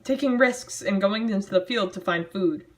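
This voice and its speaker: An amateur storyteller reads aloud her own childhood writing at a middling pitch and normal speed, hamming it up in mock-dramatic style. The delivery is theatrical but casual, laced with sardonic, self-mocking commentary on the material.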